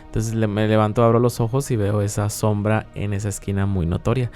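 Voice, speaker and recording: A man's voice: fairly low pitch, little pitch movement, fairly quick, darkish tone, soft background music. A man co-hosting a podcast, telling paranormal stories in a casual, conversational way. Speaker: podcast co-host.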